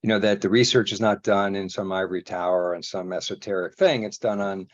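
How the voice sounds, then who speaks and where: Very low-voiced man, earnest event commenter, muffled audio. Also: steady tone, fairly quick. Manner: earnest, filler-laden. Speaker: guest commenting on a talk. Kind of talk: spontaneous remarks at an event.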